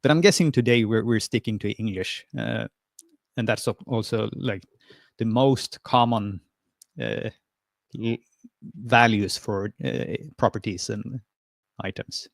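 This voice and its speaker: A Swedish man, a native Swedish speaker, gives a screen-share tutorial over a video call, friendly and encouraging yet hesitant, with lots of fillers and restarts. His fairly low, gravelly voice moves at a measured pace with frequent pauses, on a dry recording.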